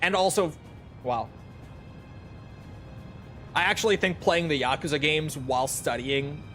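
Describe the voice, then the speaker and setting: A game streamer with a mid-range, somewhat bright voice chats with his viewers. His talk is casual and rambling, self-deprecating, with profanity sprinkled in.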